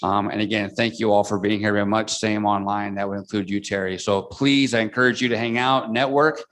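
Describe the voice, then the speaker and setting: A man's voice: lowish voice, steady tone, brisk, a bit bright. A man moderating a panel discussion, asking questions and giving thankful closing remarks. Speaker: event moderator.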